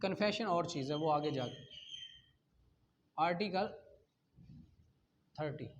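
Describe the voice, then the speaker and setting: A law teacher with a Pakistani accent gives an explanatory lecture, reading statutes aloud and then explaining them, posing rhetorical questions and checking that students follow. His voice sits on the high side and he takes it slowly. The lo-fi recording sounds dull, with a little hiss or hum.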